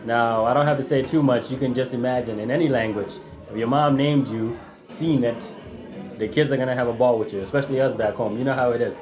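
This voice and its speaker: Man, 30s, from South Sudan; podcast guest author, relaxed and reflective. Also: medium pitch, fast talker, a crowd in the background. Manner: relaxed, reflective storytelling with fillers. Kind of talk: podcast interview.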